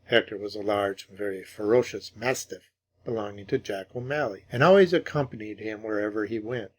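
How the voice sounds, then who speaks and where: A man narrating a classic ghost story in measured, dramatic audiobook style. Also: on the low side.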